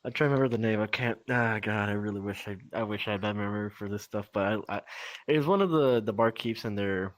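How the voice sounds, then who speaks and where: A man's voice: fairly low pitch, fast talker, no echo, rough recording. A man telling tabletop game stories in a casual, rambling way, dropping in "right?" and swearing. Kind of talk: casual storytelling.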